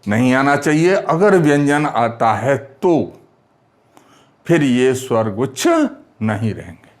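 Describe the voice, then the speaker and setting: A man teaching Hindi grammar in a slow classroom explanation, repeating words and spelling out their sounds. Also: mid-range voice, expressive.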